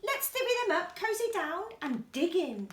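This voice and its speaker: Woman putting on an eager high-pitched storybook badger. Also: sing-song, normal speed, echoey room. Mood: eager, friendly. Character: friendly eager badger with treats to share. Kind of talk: children's storybook character voice.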